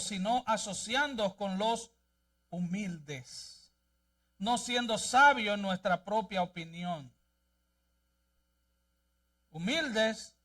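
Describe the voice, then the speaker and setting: High-voiced preaching pastor, off-mic. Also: male voice, a bit bright, recorded from a distance. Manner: emphatic preaching, reading scripture aloud. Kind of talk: sermon. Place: church sanctuary.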